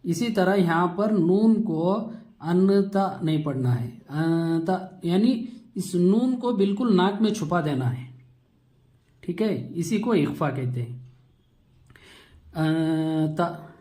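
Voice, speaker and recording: A man teaching a Quran reading lesson step by step, patiently repeating terms and stretching sounds slowly to show them. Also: high voice, very animated, mellow.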